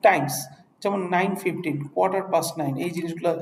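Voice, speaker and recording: A man's voice: high-pitched, normal speed. A man with a Bangladeshi accent teaching an English test class in a classroom, mixing English words into Bengali and often asking the students checking questions. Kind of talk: classroom lecture. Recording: echoey room, faint noise.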